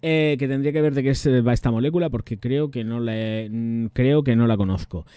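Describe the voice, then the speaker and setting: A man's voice: mid-range voice, brisk, dark tone, smooth, no echo. A man from reviewing perfumes in casual chat, thinking aloud and trailing off as he looks things up. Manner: chatty, thinks aloud, trails off searching notes.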